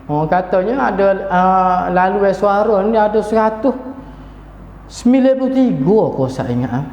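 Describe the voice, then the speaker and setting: In a dull lo-fi recording from an echoey hall, a Kelantanese-accented religious teacher with a high, darkish voice teaches Quran in a chatty manner. He demonstrates recitation by chanting short passages.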